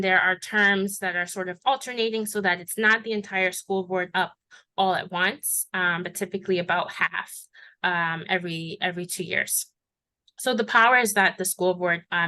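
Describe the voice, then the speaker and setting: A woman's voice: medium pitch, sharp tone. A woman presenting an informative webinar talk on school board authority, with frequent fillers and self-corrections.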